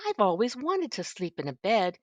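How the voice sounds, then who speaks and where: A woman's voice: medium pitch, big pitch swings, moderate pace, no echo. An older woman voicing a small, innocent, wondering toy bear in a grandmotherly storybook reading.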